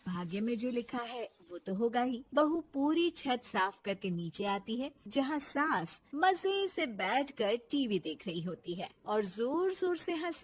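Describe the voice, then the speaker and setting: A woman narrating a cartoon family story in a soft storytelling manner. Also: on the high side, husky.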